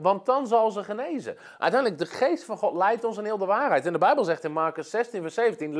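A man preaching a sermon, telling a story with emphatic repetition. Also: sits high.

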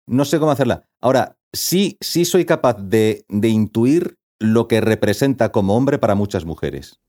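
A man, rambling and animated as he tells anecdotes in a casual podcast chat. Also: on the low side, normal speed. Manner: rambling, animated storytelling, self-doubting.

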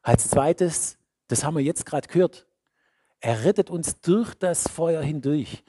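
Husky preacher, swinging loud to hushed. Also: male voice, on the high side, unhurried, dry recording, studio quality. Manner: emphatic, repeats key phrases, swings between loud and hushed. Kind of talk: sermon.

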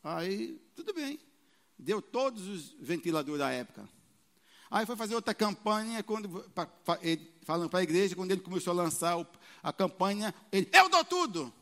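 A man preaching as a pastor, animated, with sudden loud peaks and quoted voices, in a church hall. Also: sits high, moderate pace. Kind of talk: sermon.

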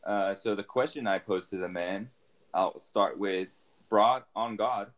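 A man's voice: lowish voice, unhurried, fairly bright tone. A man hosting a casual podcast from his apartment, introducing his friends with teasing jokes. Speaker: podcast host.

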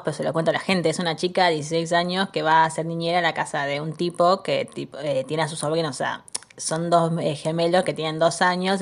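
Chatty Rioplatense young woman. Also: low-pitched. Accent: Rioplatense Spanish. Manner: chatty, laughing, many fillers. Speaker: podcast co-host. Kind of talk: casual chat.

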